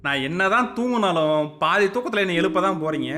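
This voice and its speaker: A man's voice: high voice, lively intonation, fairly quick. A man hosting a let's-play of a horror game, panicking and scolding the game's ghosts aloud as he goes. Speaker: gaming channel host. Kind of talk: let's-play gaming commentary. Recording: game music playing behind the voice.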